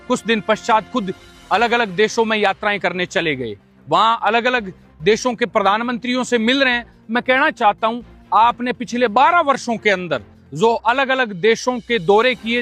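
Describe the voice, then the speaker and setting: A man from the Bikaner area of Rajasthan giving an impassioned political video statement in a forceful, declamatory, accusatory way. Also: extremely high pitch. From Bikaner area, Rajasthan, India. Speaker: local political activist.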